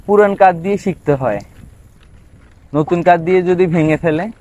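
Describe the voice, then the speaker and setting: A man talking gently and playfully with his young nephew during a bike ride outdoors. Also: high voice, normal speed, slight background noise. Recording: dull lo-fi outdoor sound.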